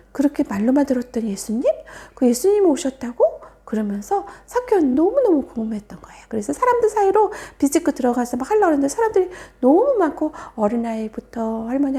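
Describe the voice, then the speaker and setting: A woman telling a Bible story to children as a sermon, animated, often dropping to a soft whisper for emphasis. Her voice is high and mellow, and her pitch swings widely. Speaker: children's Sunday school preacher.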